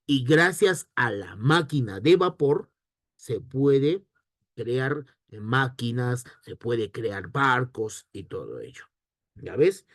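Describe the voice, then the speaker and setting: A man teaching an online history lesson, asking himself questions and answering them in a lively way. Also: medium pitch, slow pace, no echo, clean studio sound. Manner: lively, rhetorical questions to students.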